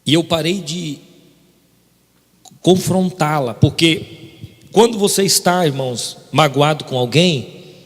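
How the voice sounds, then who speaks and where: Male preacher, emphatic and direct with the congregation; slightly high voice, booming church hall. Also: slow, pauses often, husky. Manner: emphatic, repeatedly addressing the congregation. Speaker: pastor. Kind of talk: sermon testimony. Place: church sanctuary.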